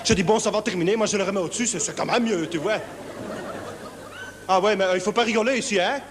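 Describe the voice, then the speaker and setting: Actor doing a high-strung Belgian insomniac, rambling with tics, live in a reverberant theatre. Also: male voice, fast talker, crowd noise, background noise, natural voice. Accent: Belgian French. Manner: fidgety, rambling, full of verbal tics. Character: nervous naive lonely insomniac man. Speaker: stage comedian. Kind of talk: one-man stage show. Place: theatre stage with live audience.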